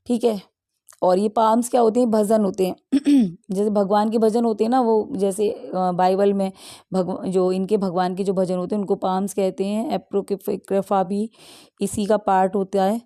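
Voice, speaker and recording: A woman's voice: mid-range voice, little pitch movement, mellow. A woman English teacher, going through an exam practice set and explaining each answer in mixed with English. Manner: explains in Hindi mixed with English, reads options slowly.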